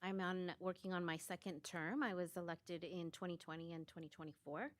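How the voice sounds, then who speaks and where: A woman from California chairing a school board meeting, relaxed and plainspoken. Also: on the low side, a little fast. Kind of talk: running a public meeting.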